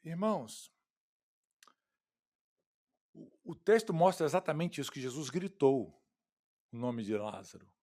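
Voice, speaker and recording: A man with a Brazilian Portuguese accent preaching an expository sermon, swinging from loud, emphatic lines to hushed, quiet ones and calling his listeners "queridos" and "irmãos". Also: fairly high pitch, lively intonation, a little slow, long pauses. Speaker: pastor.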